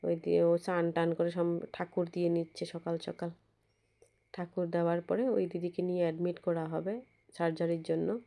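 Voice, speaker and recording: A woman narrating a home vlog as a casual voice-over. Her voice is hoarse and cracked from a cold, and she rambles and restarts her words. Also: fairly low pitch, flat delivery, normal speed, warm tone. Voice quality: husky, cracked voice. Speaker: vlogger narrating her visit. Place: indoors, voice-over recorded at home. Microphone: phone.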